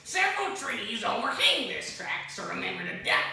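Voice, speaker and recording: A man tells a performed story in a playful sportscaster style. His voice swoops widely and rings bright. He is recorded from a distance in a very echoey room with faint noise. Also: very high voice, normal speed, vocal fry. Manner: animated, playful sportscaster narration.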